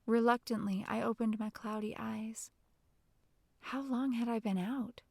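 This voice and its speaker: A woman narrating an audiobook in the first person with a hushed, tense, intimate delivery. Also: a little high, fairly even intonation, unhurried, gravelly, dry recording.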